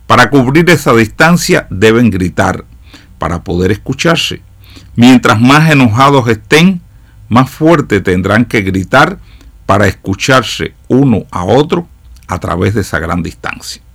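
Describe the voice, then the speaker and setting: A male radio commentator telling a reflective story in a slow, measured way. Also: medium pitch, lively intonation, a bit bright, slightly rough.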